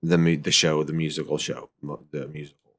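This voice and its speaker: A man co-hosting a podcast, talking casually in a halting way, with many restarts and fillers. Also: extremely low pitch, little pitch movement, fairly bright tone, a little hiss or hum. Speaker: podcast co-host. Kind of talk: casual chat.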